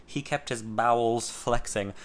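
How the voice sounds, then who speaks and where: A man reading a first-person story aloud in a measured, intimate storytelling manner. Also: medium pitch.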